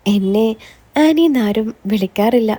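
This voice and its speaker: A woman's voice: on the high side, lively intonation, measured pace, dark tone. Woman reading as a coy teasing young woman. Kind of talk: scripted story reading.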